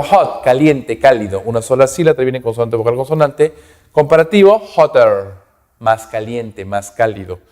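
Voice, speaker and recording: A man's voice: mid-range voice, a little mellow. A man teaching English grammar in a recorded lesson, explaining in Spanish and giving English example words with their translations, checking in with "ok?" after almost every point. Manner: rhythmic, repeats each word with its translation. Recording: long reverb, roomy.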